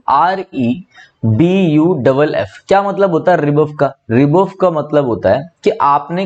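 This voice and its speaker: A man's voice: a little high, darkish tone, lo-fi sound. A male teacher with an Indian English accent giving an exam-prep vocabulary lesson, mixing Hindi and English and spelling words letter by letter. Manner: addresses students as "my brother".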